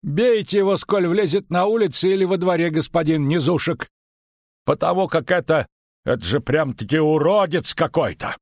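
A man voicing a fussy, anxious male innkeeper in a storybook, with a much higher, shrill, fretful voice. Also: moderate pace, dry recording, studio quality, lightly acted. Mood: indignant.

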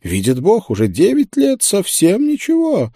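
A man's voice: high-pitched, wildly swooping pitch, unhurried, mellow, no echo, clean studio sound, pitched above the performer's own voice, heavily acted. A man voicing a jovial middle-aged preacher with a wry, joking way of talking. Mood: wry teasing.

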